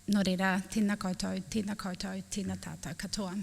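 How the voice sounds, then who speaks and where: A middle-aged woman from Southern Germany, telling her story in an earnest, enthusiastic public talk and often pausing to find her words. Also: mid-range voice, level tone, vocal fry, a little hiss or hum. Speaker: freshwater ecologist giving a talk. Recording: reverberant hall.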